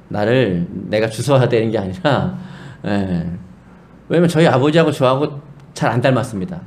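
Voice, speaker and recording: A man's voice: mid-range voice, a little mellow. A middle-aged man preaching a sermon, telling a personal story and addressing the congregation directly. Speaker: pastor.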